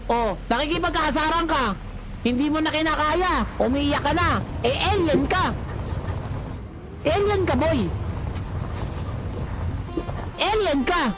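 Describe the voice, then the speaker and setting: High-voiced mocking livestreamer over loud music. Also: slow, long pauses. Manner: mocking, repetitive, teasing catchphrases. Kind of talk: taunting livestream rant.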